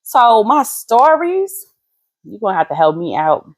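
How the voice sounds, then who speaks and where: A woman co-hosting a podcast, chatting casually in a playful, animated way and stretching words out for effect. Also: on the high side, unhurried. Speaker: podcast co-host. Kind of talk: casual chat.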